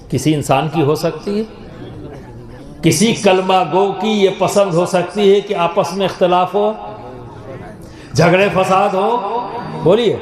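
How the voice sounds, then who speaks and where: A man preaching a sermon to a large gathering, asking questions and pushing the audience to answer aloud. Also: high voice. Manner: rhetorical, coaxes the crowd to answer aloud. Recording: echoey venue with loud crowd.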